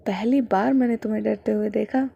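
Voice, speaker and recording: A woman's voice: a little high, fairly even intonation, a little fast, gravelly, dark tone, slightly rough, muffled recording, full character voice. A stern army general, as a woman storyteller puts him on. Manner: commanding, firm.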